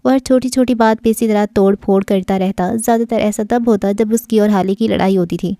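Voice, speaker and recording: A woman narrates an audio novel in a mellow, warm voice with steady, expressive storytelling. The recording is close and dry, with no room sound. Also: medium pitch, dry recording. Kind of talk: dramatic novel reading.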